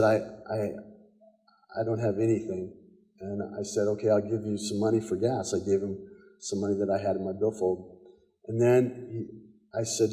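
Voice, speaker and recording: A man's voice: on the low side, mellow. A man with an American accent, a pastor delivering a conversational sermon in a church, telling stories with quoted dialogue and frequent repetitions. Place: church sanctuary. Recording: long church hall reverb.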